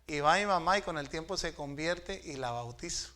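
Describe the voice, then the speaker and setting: High, bright-voiced preaching man. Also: expressive, normal speed. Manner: storytelling, swinging between hushed asides and raised exhortations. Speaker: pastor. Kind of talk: sermon. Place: church sanctuary.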